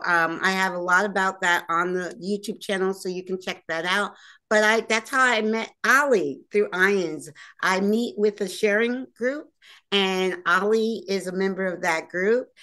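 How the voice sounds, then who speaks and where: A woman with a bright, forceful, mid-range voice hosts and produces her own talk show. She chats casually in an interview style, full of fillers and restarts.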